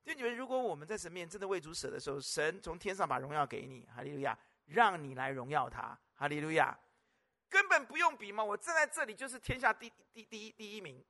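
High, bright-voiced preaching man. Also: big pitch swings, quick pace, gravelly. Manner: emphatic, with rhetorical questions to the congregation; repeats phrases for emphasis. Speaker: pastor. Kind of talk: sermon.

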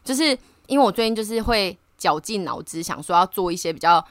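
A woman's voice: medium pitch, animated, a little fast, no echo, studio quality. A woman co-hosting a casual podcast chat over an online call, telling a story animatedly and laughing often. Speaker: podcast co-host. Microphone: remote online call.

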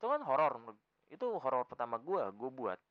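A man's voice: medium pitch, very animated, fast talker, no room sound, lo-fi sound. A young man from Jakarta with a Betawi accent, hosting a podcast in loose, rambling casual talk full of fillers. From Jakarta, Indonesia. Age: young adult. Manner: loose, rambling, many fillers and self-corrections. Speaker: podcast host.

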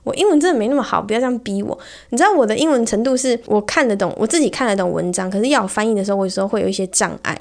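A woman's voice: medium pitch, animated, very fast, vocal fry, few pauses. A woman from Taiwan with a Taiwanese Mandarin accent, hosting a podcast in a chatty, rambling, self-mocking way. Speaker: podcast host. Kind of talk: casual podcast chat.

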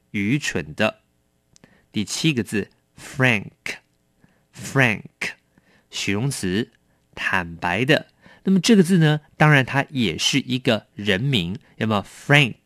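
A man's voice: medium pitch, a bit bright, no room sound, studio quality. A middle-aged man hosting a radio English lesson, explaining each word and repeating it to drill the pronunciation. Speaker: English teacher and program host.

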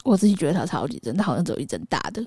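A young woman, co-hosting a podcast and telling a personal story in a lively way that includes some swearing. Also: sits low, racing, husky, dry recording, clean studio sound. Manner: animated, vivid retelling with mild swearing. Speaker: podcast co-host. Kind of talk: casual chat, personal storytelling.

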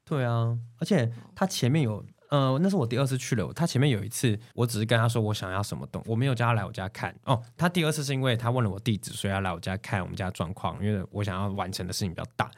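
In a close, dry recording with no room sound, a man with a Taiwanese Mandarin accent chats as a podcast guest, his pitch a little low and his pace quick. He tells casual stories with lots of animation, acting out the voices of anyone he quotes.

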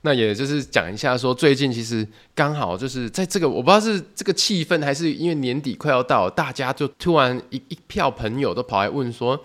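A man's voice: medium pitch, fairly quick, hardly any pauses. A man with a Taiwanese Mandarin accent hosting a podcast, telling anecdotes in casual talk and acting out what other people said. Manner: lively anecdotes, acting out quoted voices. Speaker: podcast host. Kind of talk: casual storytelling monologue.

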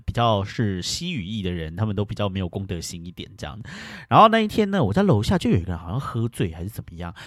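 A man hosting a podcast, telling a story in casual chat, animated and breaking into loud indignant bursts. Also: fairly low pitch, dry recording, studio quality. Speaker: podcast host.

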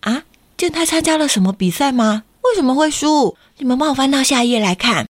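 Taiwanese-accented woman storyteller, high voice, dry close recording, animated kids' reading. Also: fairly quick, no echo. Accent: Taiwanese Mandarin. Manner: animated, questioning the children. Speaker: children's storyteller. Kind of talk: picture-book reading to children.

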